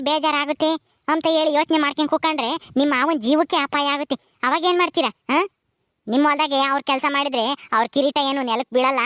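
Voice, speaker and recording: A woman voicing an elderly village woman who scolds and consoles in drawn-out rural speech, in a village drama. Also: high-pitched, a bit bright, dry recording, clean studio sound.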